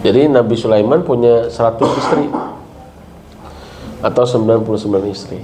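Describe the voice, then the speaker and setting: A middle-aged man with a Sundanese accent giving a lively Islamic parenting talk, jumping up in pitch for emphasis and often checking with his listeners. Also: brisk, noisy background. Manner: animated, leaps high in pitch for emphasis, asks the audience questions. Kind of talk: lively religious study talk.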